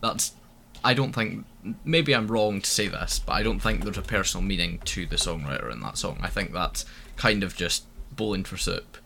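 A man co-hosting a casual music review podcast, animated and opinionated, often restarting his sentences. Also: low-pitched, moderate pace, vocal fry, few pauses, a little hiss or hum. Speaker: podcast co-host.

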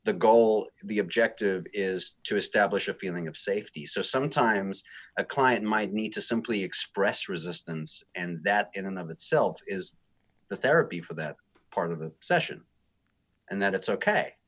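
A man's voice: on the low side, animated, normal speed, a bit bright. A man speaking as a guest music therapist, talking in a thoughtful, reflective, self-deprecating way in a casual interview.

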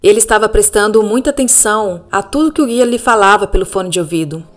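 A woman with a Brazilian Portuguese accent, reading listener-sent ghost stories aloud as a podcast narrator in a calm, steady storytelling manner. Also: medium pitch, quick pace. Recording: faint music bed behind the voice.

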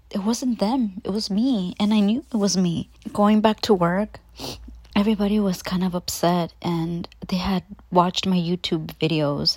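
A young woman hosting a podcast, talking through her struggles in an emotional, halting way, sometimes dropping to a whisper. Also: on the low side, dry recording. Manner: emotional, halting, with frequent restarts and soft whispered stretches. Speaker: podcast host. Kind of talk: personal confessional monologue.

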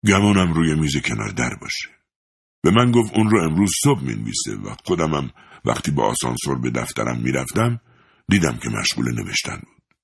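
A man voicing a pompous, fraudulent male high priest who blusters and shouts in a storybook reading. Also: sing-song, gravelly, slightly rough, full character voice. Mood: smug.

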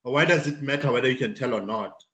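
A man's voice: mid-range voice, quick pace, background noise. A man in a casual debate, pushing back with repeated questions and stammering restarts. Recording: roomy echo.

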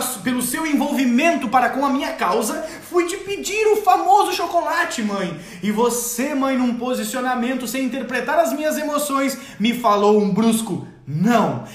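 An absurdly eloquent little boy pleads his case in mock-formal speech, as a man puts him on. The voice sits high and swings widely in pitch. It rings in a roomy, echoing space. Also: fairly bright tone. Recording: roomy echo.

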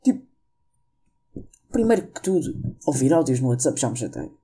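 Male comic, European Portuguese accent, husky low-toned voice, rambling self-mocking home monologue. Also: big pitch swings, fast talker, warm tone. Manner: rambling and self-mocking, joking at his own jokes. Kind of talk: casual comedic monologue. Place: at home during lockdown.

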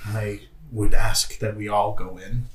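A man's voice: fairly low pitch, level tone, unhurried, echoey room. A man playing a tabletop role-playing game, talking casually and in character with the group. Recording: distant mic, noisy, clicks.

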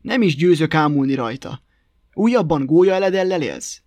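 A man voicing a sly, calm old toad who talks in a chatty, teasing and mock-innocent way in a storybook tale. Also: on the high side, dry recording.

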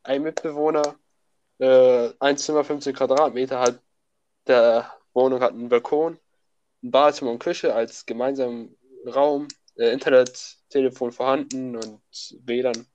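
Brief: young male student, casual slangy chat, even voice, faint hiss behind. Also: medium pitch, normal speed, dull audio. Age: young adult. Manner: slangy, laughs often, restarts words.

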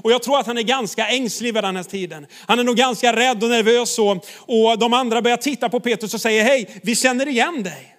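High-voiced preacher telling a story. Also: male voice, steady tone, few pauses, fairly bright tone. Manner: emphatic, addresses the listeners directly. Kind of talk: sermon storytelling.

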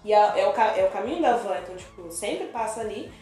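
A woman's voice: medium pitch, lively intonation, fast, mellow. A young woman co-hosting a podcast, who tells a story in a rambling way and fills it with lots of fillers. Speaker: podcast co-host. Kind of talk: casual chat. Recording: very echoey room, faint music.

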